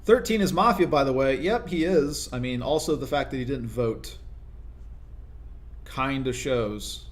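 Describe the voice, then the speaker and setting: A young man giving casual, explanatory commentary over his own gameplay, often tagging his points with quick check-ins to the listener. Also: mid-range voice. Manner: conversational, explanatory, frequent "right?" tag questions. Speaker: gaming video commentator.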